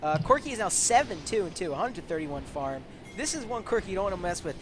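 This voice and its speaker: A man giving color commentary on a video game match, excitable and jokey, breaking into loud exclamations. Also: high voice, quick pace, background noise. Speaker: esports co-commentator.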